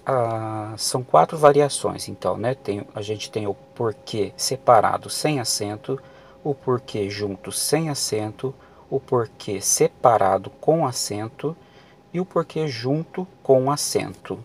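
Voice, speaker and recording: A man's voice: mid-range voice, unhurried, vocal fry, a little hiss or hum. A man teaching a grammar lesson for exam prep, explaining patiently with many fillers and restarts.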